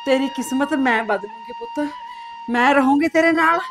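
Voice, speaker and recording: A woman's voice: high-pitched, normal speed, over music, close to an everyday voice. A middle-aged woman playing a grieving mother-in-law who soothes her son's wife through tears. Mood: tearful comfort. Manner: tearful, soothing, pleading. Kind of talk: short family drama.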